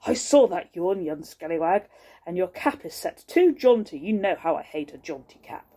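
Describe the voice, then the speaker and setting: A woman voicing a stern, menacing hotel housekeeper who scolds in a loud, hissing voice while reading a storybook aloud. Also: on the low side, lively intonation, normal speed. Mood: scolding.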